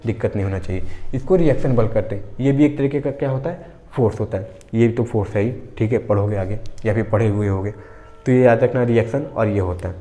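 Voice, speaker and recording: Mellow-voiced man teaching physics. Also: mid-range voice. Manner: conversational, repeatedly checking understanding with the class; explains through everyday examples. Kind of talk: exam-prep physics lesson.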